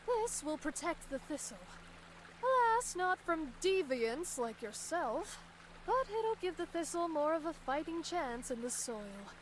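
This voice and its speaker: A woman's voice: high-pitched, sing-song, measured pace, a little hiss or hum. A woman playing a theatrical fortune teller in a video game, with a grandiose, mystical, old-fashioned delivery. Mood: indignant, scolding. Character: theatrical female fortune teller, secretly a scolding groundskeeper. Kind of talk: video game character acting.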